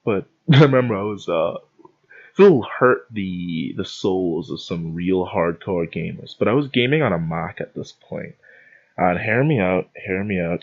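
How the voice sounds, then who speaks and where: A young Bahamian man hosting a podcast tells a rambling story in a casual rant, constantly interrupting himself. His voice is deep, and the recording has its high frequencies cut off.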